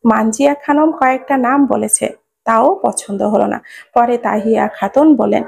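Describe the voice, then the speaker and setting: A woman's voice: on the high side, moderate pace, creaky, a little mellow, husky. A woman narrating a story in a scripted audiobook reading, voicing each character close to her own voice. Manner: reads every character in near her own voice.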